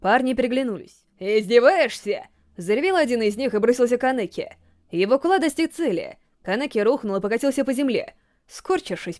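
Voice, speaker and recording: A woman reading a story aloud in a steady, measured audiobook narration. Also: on the high side, no room sound, studio quality. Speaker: audiobook reader.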